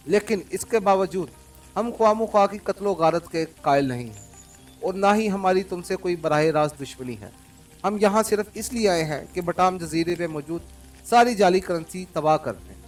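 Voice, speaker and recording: A man reading an audiobook, voicing a calm, coldly commanding male secret agent, recorded from a distance over faint music. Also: sits high. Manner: calm and cold, mocking laughter.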